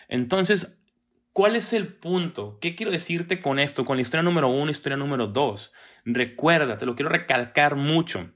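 A young man delivers a motivational talk straight to the listener, checking in often with rhetorical questions. His voice is medium in pitch and a bit bright.

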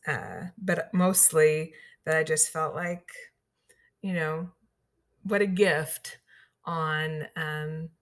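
A woman's voice: low voice, fairly bright tone. A middle-aged woman from Southeast Missouri telling personal stories casually on the radio, with lots of ums and you-knows and the odd laugh. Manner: chatty, frequent ums and you-knows, laughs through lines. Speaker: radio show regular sharing stories.

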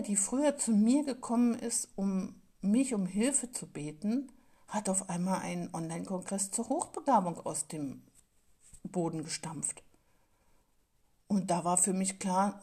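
A woman's voice: medium pitch, measured pace, dark tone, husky. A woman giving an earnest motivational talk to parents, pleading and repeating phrases for emphasis, sometimes dropping to a whisper. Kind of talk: motivational monologue.

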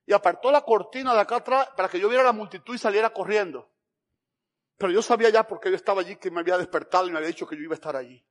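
A man from Cuba, preaching a sermon as an evangelist, telling his story dramatically with sudden swings between loud and hushed delivery. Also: high-pitched, rapid-fire.

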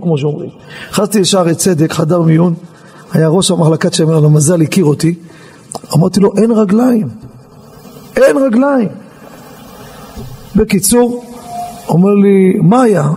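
A rabbi telling a personal story in a Torah class, acting out the lines of the people in it. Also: male voice, high-pitched, slightly rough. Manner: animated storyteller, acts out other people's lines. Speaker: rabbi giving a lesson. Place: study hall.

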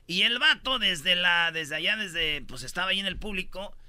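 A man's voice: high-pitched, animated, moderate pace, bright, forceful tone, no room sound. A man with a Mexican accent hosting a radio show, joking through a countdown of news items in a slangy, playful way. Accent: Mexican Spanish. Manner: joking, slangy, acts out voices in quotes.

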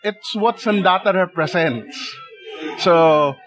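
An excitable man co-hosting a casual chat, hyping things up and laughing. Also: sits high, slow, music in the background, poor audio. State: talking with his mouth full. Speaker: podcast co-host. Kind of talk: casual chat about wrestling picks.

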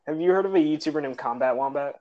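Over dull lo-fi audio, a podcast co-host chats casually, laughing often and stumbling over repeated words as he starts sentences. His voice is fairly high and his pace quick.

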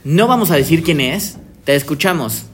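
A man hosts a casual talk, his voice a little high for a man. He speaks in a relaxed, slangy, conversational way. Faint background noise sits under the recording. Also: normal speed. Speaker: host.

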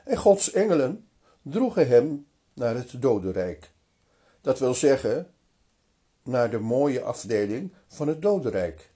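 A man retelling a Bible story slowly and expressively, with occasional hesitations. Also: mid-range voice, slightly rough. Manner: slow, expressive narration with hesitations.

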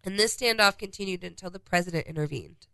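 A stuffed-up woman co-hosts a casual podcast, running through a list of dates and events. Her voice is bright with a gravelly edge. It is recorded close and dry. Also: on the low side, quick pace, dry recording. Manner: reads out a history timeline of dates. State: congested. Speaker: podcast co-host.

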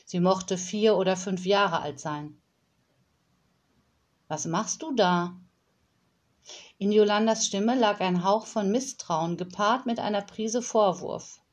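Woman storyteller, slow, calm, measured, read-aloud. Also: mid-range voice.

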